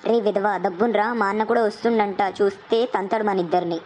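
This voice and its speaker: A young village girl, as a woman acts her out, speaking in a rushed, secretive way. Her words come quickly, with a faint hum of the room behind her. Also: mid-range voice, fairly even intonation, a little mellow, close to an everyday voice, rough recording. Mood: hurried. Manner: hurried, secretive phone talk.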